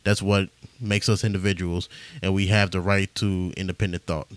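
Man in casual podcast chat, low voice, dry close sound, loose and rambling with constant fillers and cursing, stumbles when reading posts aloud. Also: little pitch movement, dry recording. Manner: rambling, many fillers and restarts, swears freely; reads social media posts aloud haltingly. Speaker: podcast host.

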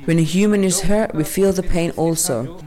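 A man's voice: high-pitched, moderate pace, dark tone. A man delivers scripted narration in the first person, as in a documentary.

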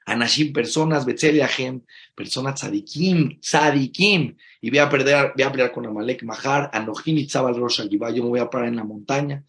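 In this sermon a rabbi teaches Torah, mixing Hebrew into his Spanish at a moderate pace and medium pitch. He is emphatic, shifting between gentle, intimate asides and loud exclamations.

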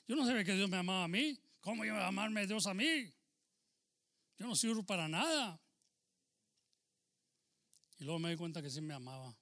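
Older man, church testimony, earnest exhorting preacher energy, slightly high voice, dry close sound. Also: dry recording. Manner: earnest, exhorting, bursts of loud emphasis; addresses listeners as brothers. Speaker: church member giving testimony. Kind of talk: testimony sermon.

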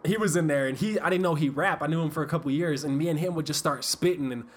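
A young man chatting casually about his start in rap, loose and quick to laugh. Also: on the high side. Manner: laughs often, loose storytelling with fillers. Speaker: guest rapper. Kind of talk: casual chat.

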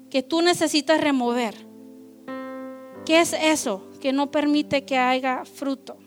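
High-voiced woman preaching a sermon. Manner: switches between Spanish and English, conversational and lively.

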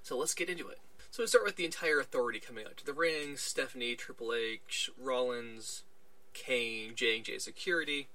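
A podcast host with a bright, forceful mid-range voice chats fairly quickly through a recap of a wrestling show. As he retells the events, he acts out little quoted lines in different voices.

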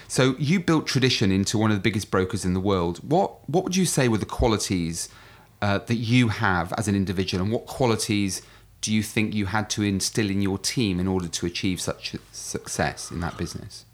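A man's voice: lowish voice, fairly quick. A man hosting a podcast, reading an upbeat intro and then putting questions to his guest. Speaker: podcast host.

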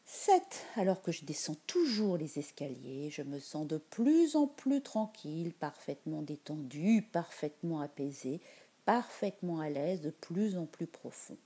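A woman leading a guided meditation in a soft, soothing voice that drifts into whispers. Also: sits low, big pitch swings, a little slow, breathy edge.

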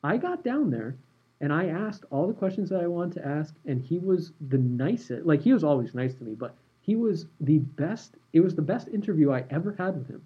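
A man hosting a podcast, telling a story in a relaxed, animated way. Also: fairly high pitch, normal speed, slightly rough, lo-fi sound. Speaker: podcast host and former sports reporter.

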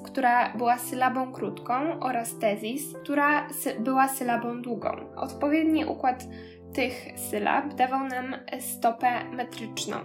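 High-voiced woman lecturing over music. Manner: explanatory, steady, with filler "e" hesitations. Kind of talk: spoken lecture. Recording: music playing clearly behind.

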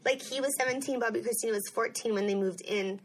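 A young woman hosting a podcast, telling a story in a chatty, animated way and saying "like" often. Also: on the high side, fast talker, a crowd in the background. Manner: chatty, animated, uses "like" a lot. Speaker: podcast host. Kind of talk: casual chat, storytelling.

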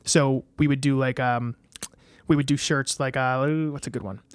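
A thirtysomething male guest tells stories in a casual interview, rambling easily with lots of fillers and restarts. His smooth, mid-pitched voice moves at a normal speed. The recording is close and dry, with no echo.

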